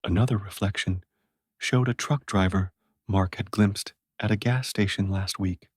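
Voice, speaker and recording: A man giving scripted horror story narration in a measured, dramatic way. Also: on the low side, steady tone, slightly rough, no room sound, studio quality.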